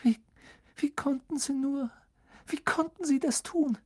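An anxious teenage girl speaks in a high, breathless, trembling voice, performed by a man reading the story. She sounds shaken and urgent throughout. This is an audiobook scene with a single reader. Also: fairly even intonation, slow pace, creaky, full character voice. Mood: distraught.

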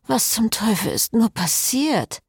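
Woman reading a drowsy teasing hungover young woman, husky voice, lively pitch. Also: unhurried, no room sound, clean studio sound, heavily acted.

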